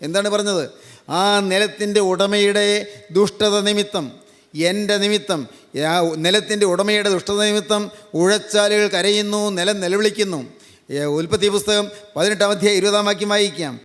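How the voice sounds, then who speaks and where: A man from Kerala preaches in a high, even tone, stacking repeated phrases and firing rhetorical questions at his listeners. His voice hangs in a long, echoing reverb, as if in a large hall. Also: moderate pace, soft background music. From Kerala, India. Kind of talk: sermon.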